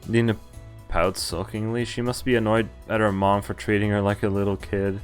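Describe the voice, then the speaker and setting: A streamer plays a visual novel, reading it aloud over game music in a brisk, lowish voice with little pitch movement. His manner is informal, and he often stops reading to crack jokes and make casual comments.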